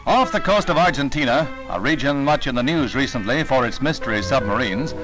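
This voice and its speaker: Male narrator, old newsreel, brisk and wry, loud music under the voice. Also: medium pitch, lively intonation, low-quality recording. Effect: old newsreel soundtrack.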